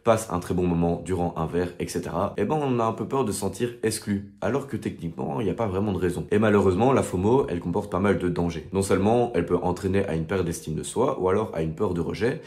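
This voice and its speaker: A man's voice: low voice, fast talker, few pauses, a little mellow. A young man, presenting a casual explainer for students and talking straight to the viewer with chatty fillers. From Belgium.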